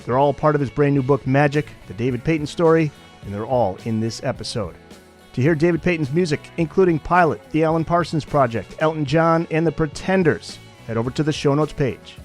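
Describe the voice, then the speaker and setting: A man's voice: on the high side, fairly quick, faint music behind. Upbeat male podcast host. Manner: upbeat announcer-style delivery. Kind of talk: podcast interview with scripted intro.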